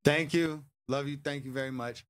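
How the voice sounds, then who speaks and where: A man's voice: fairly high pitch, steady tone, normal speed, smooth, no echo. Man, podcast co-host, analytical, thoughtful, dry sound. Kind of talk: casual podcast talk.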